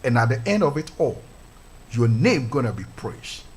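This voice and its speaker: A pastor hosts a church radio show, interviewing a guest and praying fervently and formally, repeating "hallelujah." His husky, mid-range voice has a sing-song lilt and moves at a normal speed.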